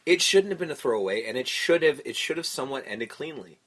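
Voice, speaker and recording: A blunt, opinionated man co-hosts a casual podcast chat. His voice is husky and sounds a little stuffed up, and he swears freely as he talks. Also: medium pitch, expressive, quick pace, a bit bright. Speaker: podcast co-host.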